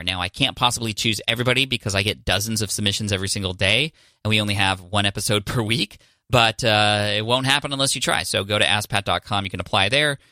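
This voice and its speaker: A male podcast host with a fairly low but bright, forward voice, encouraging and full of praise. Recorded close and dry on a studio mic with no room sound. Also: no echo. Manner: upbeat, encouraging, effusive. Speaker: podcast host and business coach. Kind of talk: podcast coaching interview and outro.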